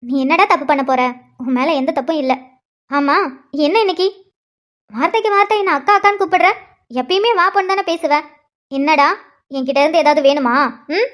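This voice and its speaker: A woman's voice: high voice, a little fast, pauses often, fairly bright tone. A woman voicing an affectionate elder sister who deflects and hesitates when questioned, in a cartoon. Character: tender, evasive elder sister. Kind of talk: cartoon voice acting.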